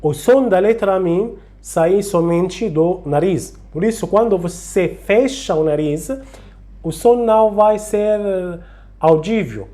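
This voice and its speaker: Slow, patient recitation teacher. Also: medium pitch, dark tone. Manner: slow, patient, repeats sounds and words to demonstrate. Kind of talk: slow tutorial on Quranic recitation rules.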